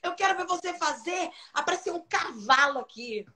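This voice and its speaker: A woman's voice: very high voice, lively intonation, normal speed, pushed and bright, pitched above the performer's own voice, heavily acted. Woman doing a taunting troublemaker boy, Brazilian. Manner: taunting, daring. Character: cocky troublemaker boy from the neighborhood.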